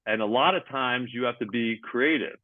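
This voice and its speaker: A man's voice: medium pitch, moderate pace, no room sound. Male coach on a video call, plain explainer, thin phone-like sound. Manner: explains jargon in plain terms, uses sports examples. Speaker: ADHD athlete coach. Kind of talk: explaining in conversation. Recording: tinny phone-like line, dry.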